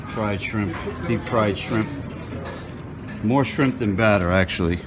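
A man's voice: fairly low pitch, takes it slowly, music in the background. A man filming a casual walk-through of a restaurant buffet on his phone, chatting and muttering to himself as he picks food. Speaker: vlogger. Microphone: handheld phone.

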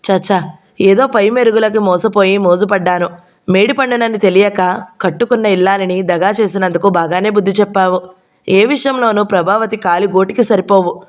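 A woman's voice: mid-range voice, normal speed, lightly acted. A woman voicing a middle-aged married man who left his wife, speaking in bitter, sulking complaints. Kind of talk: audiobook character reading.

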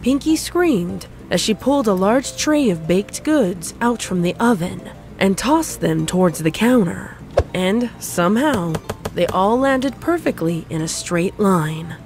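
A woman narrating a fan story in an even storybook reading. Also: medium pitch, a little slow. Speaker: fanfic narrator. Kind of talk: scripted narration.

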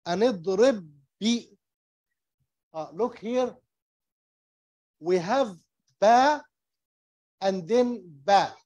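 Man, Quran tajweed teacher, very slow patient delivery, dry close sound. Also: high-pitched, animated, darkish tone, no echo. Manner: slow, patient, repeats terms and demonstrates recitation. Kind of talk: slow tajweed lesson, mixing English and Arabic. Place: small mosque classroom.

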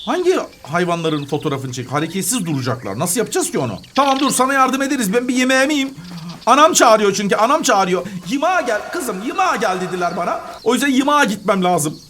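A woman's voice: mid-range voice, sing-song, quick pace, fairly bright tone, a little hiss or hum. A woman hosting a children's gaming channel, chatting playfully through a game, humming little tunes and giggling. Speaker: kids' gaming channel host.

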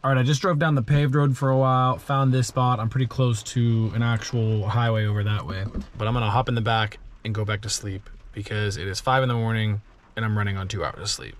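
A man's voice: steady tone, a little fast. Guy in his 30s doing a van life vlog, grumbly tired casual talk, noisy vehicle background. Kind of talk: casual vlog chat to camera. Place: inside a converted ambulance camper, cab and living area. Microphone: action camera at arm's length or mounted nearby. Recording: clear background noise, vehicle rumble and wind.

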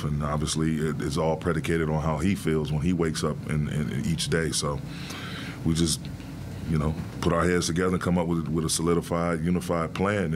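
A middle-aged man coaching basketball, answering press questions in a measured, deliberate way with many fillers, into a desk mic in a press room. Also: extremely low pitch, noisy background. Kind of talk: postgame press conference answers. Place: press room before a logo backdrop. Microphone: desk mic on a stand.

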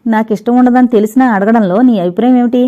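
A woman's voice: fairly high pitch, quick pace, mellow, close to an everyday voice. A woman voicing a jealous, suspicious husband who speaks harshly and accuses his wife. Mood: sarcastic. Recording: dull lo-fi recording.

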